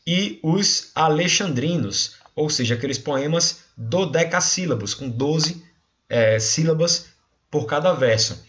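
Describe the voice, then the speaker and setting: A man's voice: medium pitch, a bit bright, dull audio. A male teacher with a Brazilian Portuguese accent, explaining a recorded class and often checking in with his students. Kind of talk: recorded remote class lesson.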